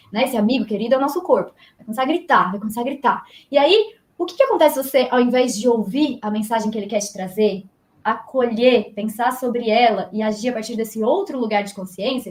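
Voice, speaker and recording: A woman speaking as an engineer guest in a live video interview, explaining animatedly and acting out imagined dialogue. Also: fairly high pitch. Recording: roomy echo.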